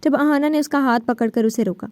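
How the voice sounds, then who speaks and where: A woman's voice: sits high, darkish tone, no echo. Brief: woman audiobook narrator, dramatic, dry close recording. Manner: dramatic storytelling.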